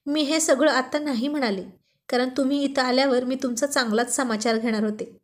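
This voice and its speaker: A woman's voice: sits high, steady tone, fairly quick, lightly acted. A woman doing a feisty young wife. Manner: sulky, scolding.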